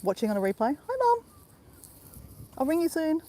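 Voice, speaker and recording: Her voice sits high and is very animated, warm in tone, at a normal speed. This Australian travel vlogger is on a live walk in a park by a river, casually chatting with viewers and repeatedly calling them "guys."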